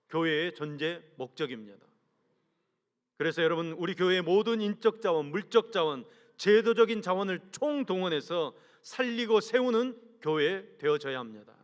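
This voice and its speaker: A senior pastor delivers an earnest sermon in a measured manner, asking the congregation rhetorical questions as his sentence ends fall away low. The large sanctuary gives the recording a long reverb.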